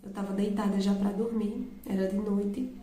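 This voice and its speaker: A woman's voice: mid-range voice, flat delivery, moderate pace, dark tone, reverberant, poor audio. Awed woman sharing a testimony. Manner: earnest, awed. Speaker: testimony vlogger. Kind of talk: personal testimony to viewers.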